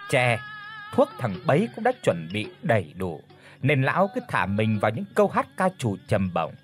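A man narrating a folk tale audiobook in an expressive storytelling manner. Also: mid-range voice, moderate pace, faint music behind.

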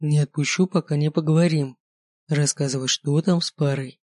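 Calm, insistent male werewolf alpha for an audiobook, done by the reader, dry mic. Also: medium pitch, moderate pace, no echo, lightly acted. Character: possessive male werewolf alpha, young adult. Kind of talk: audiobook character voice.

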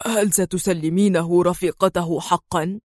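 A woman voicing a frightened male accomplice in an audiobook, with a hoarse, choked voice. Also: on the low side, steady tone, measured pace, a little mellow, dry recording, clean studio sound, pitched below the performer's own voice. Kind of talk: audiobook character voice.

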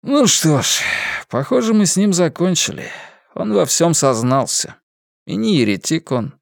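A man voicing a calm fair-haired inquisitor who speaks in an impassive, measured way. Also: fairly high pitch, gravelly, no room sound, studio quality, pitched above the performer's own voice, exaggerated voice. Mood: dispassionate.

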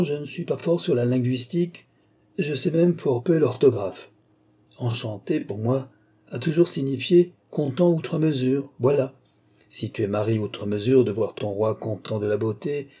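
A man's voice: lowish voice, steady tone, moderate pace, few pauses, warm tone, husky. A man reading a novel aloud, voicing an old worldly duke with a dry, mocking, offhand manner. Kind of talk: audiobook character reading.

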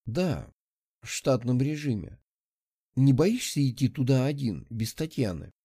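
A man voicing a soft, subdued young woman curator. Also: mid-range voice, sing-song, a little slow, slightly rough, no echo, studio quality, heavily acted. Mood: weary. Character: anxious young female academy curator.

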